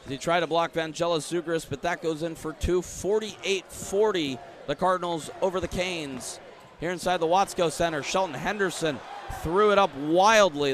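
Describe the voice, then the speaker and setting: A young American man calls a game live on radio, his high voice fairly bright with a faint hiss or hum underneath. His play-by-play is conversational, and he stretches out words on the big calls.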